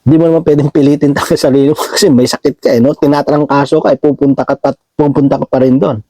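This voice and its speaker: A man teaches from the Bible in a relaxed, conversational manner, pausing to check in with his listeners as he goes. His voice sits a little high for a man but has a mellow, darkish tone. The recording is close and dry, with no room sound. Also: no room sound, poor audio. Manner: conversational, often ends phrases with "no?" and reads verses slowly. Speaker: preacher. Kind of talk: Bible teaching, casual sermon.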